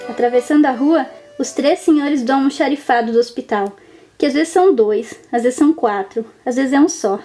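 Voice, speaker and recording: A woman, gently narrating a reflective personal story in short, lingering phrases. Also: sits high, moderate pace, soft background music.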